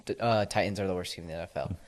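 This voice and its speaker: A young man with a fairly low voice chats casually about football. He gives opinionated hot takes but hedges a lot with "I think" and "I don't know.". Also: fairly even intonation, racing. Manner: offers opinionated hot takes, hedging often. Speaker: co-host. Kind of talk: casual sports chat.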